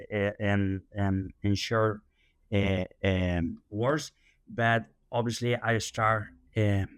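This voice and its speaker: A man from Spain with a Spanish accent, a youth soccer director answering interview questions in a measured way with many fillers. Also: lowish voice, clean tone, dry recording, clean studio sound.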